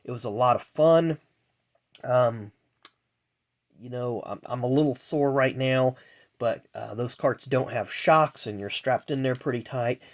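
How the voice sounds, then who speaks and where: Male video host, medium pitch, congested and nasal from blocked sinuses, chatty off-the-cuff commentary. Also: measured pace. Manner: chatty, reels off names then adds asides. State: stuffed-up sinuses. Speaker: host of a racing trading card pack-opening video. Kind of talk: casual rambling commentary.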